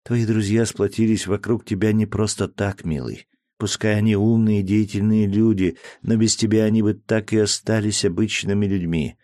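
A man reading a storybook voicing a gentle, loving young woman who speaks softly and coaxingly, with a slightly raised voice. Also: lowish voice, steady tone, moderate pace, no room sound, studio quality, pitched above the performer's own voice, natural voice. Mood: reassuring. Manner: soft, tender, coaxing.

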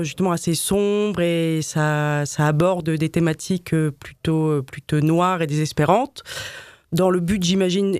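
A woman from Paris, a graphic designer, chatting as a guest in a casual interview, laughing often and filling pauses with many hesitations. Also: lowish voice, a little mellow, clear, resonant tone, dry recording, studio quality. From Paris, France.

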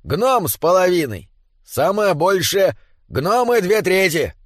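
A man voicing a grumpy, touchy male gnome miner with an indignant, shouty way of talking in a storybook reading. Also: high-pitched, sing-song, measured pace, no echo, clean studio sound, voice pushed up, full character voice.

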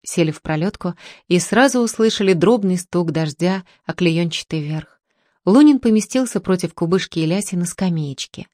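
A woman narrating an audiobook in a calm, steady literary reading. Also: lowish voice, moderate pace, dry recording, studio quality.

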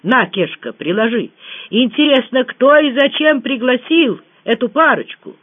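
An audiobook reader voicing a brisk young woman who answers curtly and snaps, over a tinny phone-like sound. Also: high-pitched, animated, pitched above the performer's own voice. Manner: curt, snapping. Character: brisk young woman, sharp-tongued daughter-in-law.

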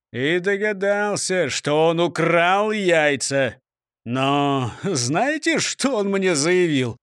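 A man's voice: high-pitched, fairly bright tone, dry recording, clean studio sound, exaggerated voice. A man doing a pompous storybook police chief. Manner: pompous, mocking.

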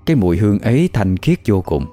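A man with a low, mellow voice narrates a ghost story. He reads at a measured, steady pace, and faint music plays underneath. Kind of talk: scripted horror story narration.

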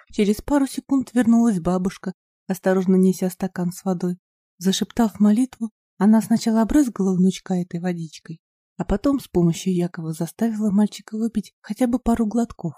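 Mellow woman narrating an audiobook. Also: mid-range voice, dry recording, studio quality. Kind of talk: scripted narration.

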